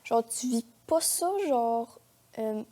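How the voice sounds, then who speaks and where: Her voice is on the high side but dark in tone, and she talks slowly: a teenage girl with a Quebec French accent, a young actress guesting on a casual TV studio chat. Her informal, youthful speech leans heavily on "genre" and "comme."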